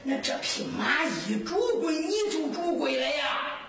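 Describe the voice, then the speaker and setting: A woman with a Henan accent voicing a sly, scheming male general in disguise who talks in a coaxing, flattering way. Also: sits high, unhurried, pitched above the performer's own voice, full character voice. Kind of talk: Henan zhuizi storytelling, sung and spoken. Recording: echoey, distant, noisy live recording.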